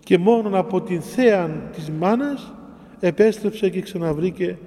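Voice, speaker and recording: A man preaching a sermon, reading scripture and explaining it phrase by phrase with repetition and pauses. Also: high voice, warm tone, in a large hall. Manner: explains scripture line by line, repeating and pausing. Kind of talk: sermon on a psalm.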